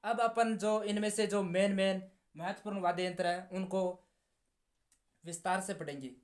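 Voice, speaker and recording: A woman teacher, giving an exam-prep lesson and slowly drilling each word by repeating it. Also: mid-range voice, steady tone, echoey room. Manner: slow, drawn-out repetition of words, drilling.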